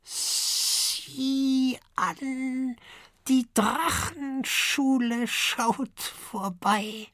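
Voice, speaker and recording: A man voicing an ancient, curious female giant turtle with a hoarse, croaky voice in a children's audiobook. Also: extremely high pitch, steady tone, fairly bright tone, dry recording, studio quality, voice pushed up, exaggerated voice. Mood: wondering. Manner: slow, murmuring old-lady voice.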